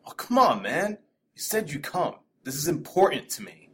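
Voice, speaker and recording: A man's voice: mid-range voice, expressive, moderate pace, lightly acted. A young man playing a pushy, pleading college frat guy in an audio story, talking in casual slang. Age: young adult. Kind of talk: audio drama acting.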